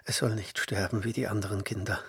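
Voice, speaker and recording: A man's voice: on the low side, steady tone, quick pace, fairly bright tone, husky, full character voice. A man voicing a frightened loving mother. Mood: anxious.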